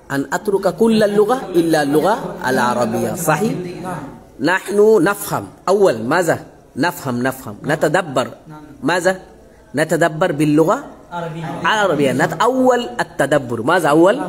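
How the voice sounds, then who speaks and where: A man from Bangladesh, a visiting sheikh urging students in a classroom lecture, quizzing them with repeated questions and halting often to restart. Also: on the high side. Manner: halting, many pauses and restarts.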